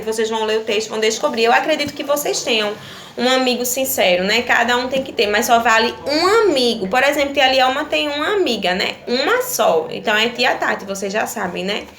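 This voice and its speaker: A young woman with a Brazilian Portuguese accent teaches primary pupils in a recorded video lesson, her voice fairly high, fairly quick and a bit bright. She patiently checks in with "tá certo?" after every point. The room is echoey, with faint ambience.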